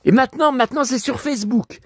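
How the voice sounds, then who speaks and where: A hoarse man talking to his viewers at home, showing off his finds as a collector. He rambles, grumbles, swears often and keeps addressing the audience. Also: extremely high pitch, fast talker, no room sound, studio quality. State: hoarse, voice worn out. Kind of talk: rambling vlog talk to viewers.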